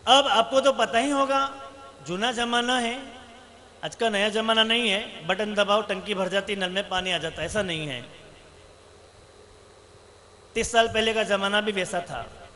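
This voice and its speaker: A man's voice: high voice, normal speed, sharp tone, a little hiss or hum. A man, a monk, preaching a sermon with storytelling, rhetorical questions and emphatic repetition.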